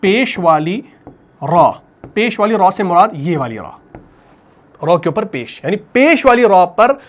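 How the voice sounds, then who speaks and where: A man with an Urdu accent teaching a tajweed lesson, explaining step by step, asking and answering his own questions, and slowing into drawn-out melodic recitation for each verse. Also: high voice, sing-song.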